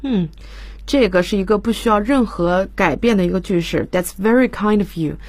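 Woman, radio English teacher, explains grammar, husky voice, dry studio. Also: medium pitch, moderate pace, darkish tone, no room sound. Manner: explains grammar in Chinese, quoting English lines.

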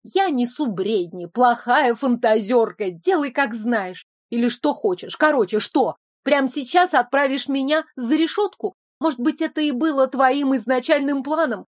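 A woman plays a feisty young woman thrown into another world in a fantasy audiobook. She argues quickly and defiantly in a fairly high voice. The recording is dry and close. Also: no room sound. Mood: bitter.

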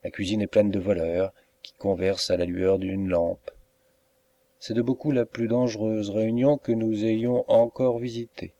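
A man narrating a classic short story as an audiobook reader, in a measured, dramatic delivery. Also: lowish voice, steady tone, warm tone, no echo, dull audio.

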